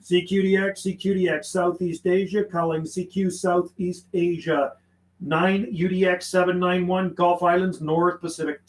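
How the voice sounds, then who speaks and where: Here a radio operator on a livestream keeps his high voice level and his pace moderate, trading slangy chatter with call signs and phonetic codes. Clear background noise fills the roomy sound.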